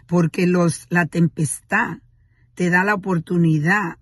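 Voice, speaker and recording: A middle-aged woman sharing a personal reflection in an earnest, unhurried monologue with pauses and restarts. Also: lowish voice, a little mellow, husky, no room sound, clean studio sound. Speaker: speaker sharing a daily reflection.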